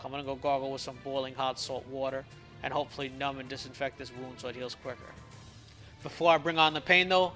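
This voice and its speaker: An indie game developer narrates a devlog in a casual, explanatory way, his fairly high voice sounding pushed and bright. A swollen lip slurs his words slightly, and he stumbles now and then.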